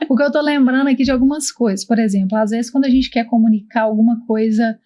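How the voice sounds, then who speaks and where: A woman's voice: a little high, fairly even intonation, fast talker, dark tone. A woman hosting a podcast conversation, reflecting and thinking aloud.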